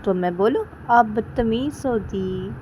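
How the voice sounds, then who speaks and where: A woman's voice: on the high side, takes it slowly, darkish tone, slight background noise. Fields: woman doing teasing younger sister, nagging questions. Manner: teasing, prodding with repeated questions.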